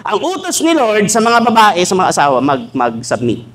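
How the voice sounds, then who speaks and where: A man preaching in a church hall, his voice sitting a little higher than most men's. He moves easily between teaching and playful asides, acting out short conversations. Faint room noise is heard behind him. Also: huge pitch swings, normal speed, a bit bright. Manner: humorous, acts out dialogues in shifted voices. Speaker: pastor. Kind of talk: sermon.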